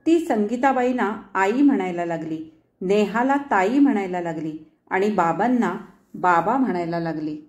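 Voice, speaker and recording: A woman's voice: mid-range voice, expressive, normal speed, a little mellow. Woman reading a story in an echoey room. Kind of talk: read storybook narration. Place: studio.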